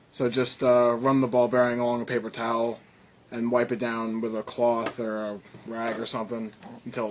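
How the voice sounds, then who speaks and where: A man with a mid-range voice makes a video tutorial, casually rambling through a hands-on how-to demonstration with fillers and restarts. He coughs now and then, and there's a little hiss or hum in the audio.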